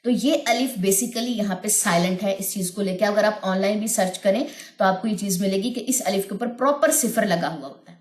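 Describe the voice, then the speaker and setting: A woman teaching Quran recitation rules, explaining patiently and chanting verses slowly and melodically. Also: mid-range voice, roomy sound. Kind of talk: tajweed lesson with chanted recitation.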